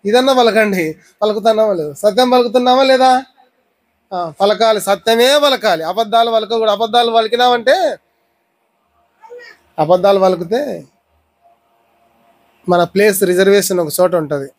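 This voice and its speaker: A man's voice: sits high, normal speed, long pauses, rough recording. A man from India with a Rayalaseema Telugu accent, preaching a sermon and pressing the congregation with repeated questions. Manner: repeated questions to the congregation, teaching with everyday examples. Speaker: pastor.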